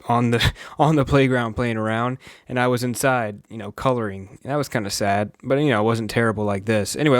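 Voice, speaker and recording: A man's voice: medium pitch, no echo, clean studio sound. A young man hosting a reaction video, chatting casually and sympathetically with plenty of ums. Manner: relaxed and sympathetic, with many ums and asides.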